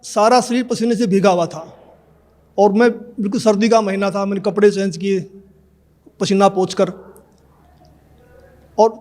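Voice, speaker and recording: High-voiced man in his fifties. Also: steady tone, measured pace, long pauses, a little mellow. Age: 50s. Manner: earnest storytelling, acts out remembered dialogue. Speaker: devotee giving testimony. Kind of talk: personal testimony in an interview.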